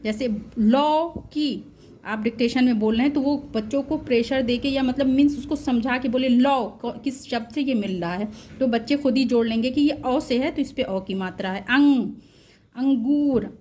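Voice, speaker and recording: A woman's voice: high voice, a little mellow, a little hiss or hum. A woman teacher explaining how to teach Hindi vowel signs, sounding out syllables one by one and mixing English words into her Hindi. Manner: drawn-out, careful sounding out of syllables. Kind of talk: slow Hindi phonics lesson for parents and teachers.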